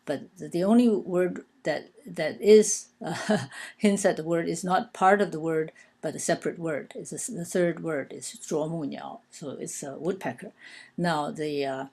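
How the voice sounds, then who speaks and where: A woman gives an informal language lesson, hesitating, restarting, and using lots of fillers as she counts and spells things aloud. Her voice is deep, a bit mellow and husky, and a little slow.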